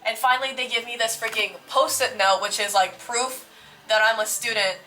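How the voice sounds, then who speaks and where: A woman's voice: fairly high pitch, steady tone, moderate pace, sharp tone. A young woman vlogger telling a dramatic, slangy storytime about her day, casual and exaggerated. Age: young adult.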